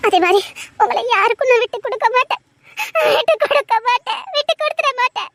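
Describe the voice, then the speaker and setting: A woman's voice: very high voice, quick pace, background noise. A woman voicing a desperate young woman who tearfully and insistently begs her lover to marry her, in an audio drama. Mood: pleading. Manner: pleading, tearful, insistent repetition.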